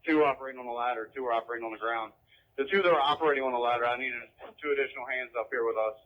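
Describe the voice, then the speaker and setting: A man speaking as a firefighter in urgent radio traffic, brisk and directive, over a two-way radio. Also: medium pitch. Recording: dull, lo-fi scanner radio.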